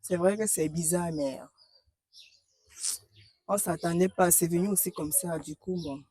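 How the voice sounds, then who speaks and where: A woman plays a young woman making a confession in short, hesitant phrases. Her voice is mellow and dry. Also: on the low side, unhurried, breathy edge, no echo. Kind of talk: staged street-interview skit.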